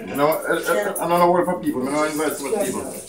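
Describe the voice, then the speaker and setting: A man's voice: on the high side, very fast, roomy sound, music in the background. An older man chatting at home in a kitchen, laid-back and joking. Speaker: family member.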